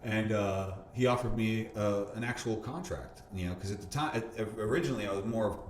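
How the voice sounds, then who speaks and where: A man being interviewed, telling a story casually, animated, laughing often and restarting his sentences. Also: lowish voice, a little fast. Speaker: bodybuilder interviewee. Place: gym or park. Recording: roomy echo, faint background hum.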